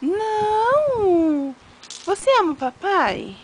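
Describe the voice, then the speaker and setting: A woman's voice: on the high side, expressive, unhurried, bright, forceful tone, slight background noise. A woman with a Brazilian Portuguese accent, a mother using coaxing, sing-song baby talk with her toddler.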